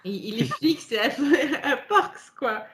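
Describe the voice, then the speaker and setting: A woman's voice: high voice, very animated, slow, fairly bright tone, slight background noise. A woman co-hosting a casual podcast chat, laughing often and reading passages aloud. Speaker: podcast co-host.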